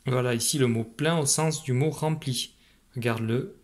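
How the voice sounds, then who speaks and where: A man's voice: mid-range voice, normal speed. A man teaching a phonics lesson to a young child, patient and encouraging, speaking straight to the learner.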